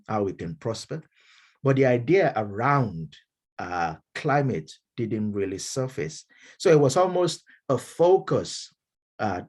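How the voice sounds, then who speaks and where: Man, Nigerian accent, middle-aged, academic lecture, measured, breathy low voice. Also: darkish tone. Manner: measured, with frequent fillers and restarts. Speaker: Baptist minister and speaker.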